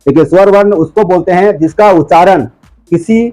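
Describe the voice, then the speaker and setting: A man teaching a grammar lesson, asking his viewers questions and answering them himself, slowing down to dictate notes. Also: sits high, dark tone, rough recording. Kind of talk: classroom lesson.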